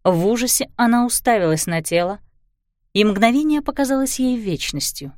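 A woman reads a story aloud with an animated, widely moving voice that keeps the scenes vivid. The sound is dry and close, with no room around her. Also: a little high, normal speed, no room sound. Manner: expressive storytelling. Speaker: narrator. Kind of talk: scripted narration.

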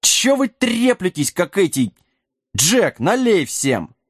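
A man's voice: sits high, very animated, slow, dry recording, clean studio sound, pitched above the performer's own voice, heavily acted. A man voicing a proud, easily offended talking horse who roars his lines, in a storybook reading. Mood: offended, bossy. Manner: roaring, offended.

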